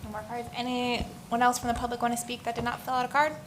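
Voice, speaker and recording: Brisk high-voiced woman chairing a meeting. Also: monotone, a little hiss or hum. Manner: brisk, procedural.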